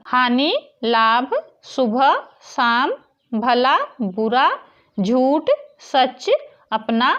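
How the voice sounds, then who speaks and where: A woman teacher reading out textbook answers, dictating each answer slowly and deliberately. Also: high voice.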